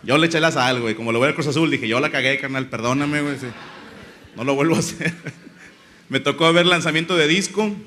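A man's voice: fairly high pitch, a little fast, pauses often, bright, forceful tone, slight background noise. A young man from Monterrey, doing a rambling, crude stand-up monologue full of slang. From Monterrey, Mexico. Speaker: comedian.

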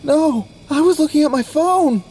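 A woman playing the frightened, anguished ghost of a bombing victim in an audio drama, speaking haltingly. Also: high voice, mellow, close to an everyday voice. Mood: upset. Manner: halting, distraught.

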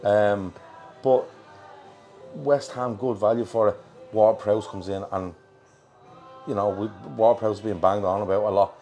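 Low-voiced Irish man hosting. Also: fairly even intonation, unhurried, long pauses, mellow, soft background music. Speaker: football show host. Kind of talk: casual live chat. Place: pub in Liverpool. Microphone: worn mic.

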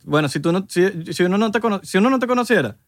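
A man's voice: sits high, animated, fast, dry recording, studio quality. A young man with a Cuban Spanish accent, co-hosting a podcast in joking, slangy casual chat. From Cuba. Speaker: podcast co-host.

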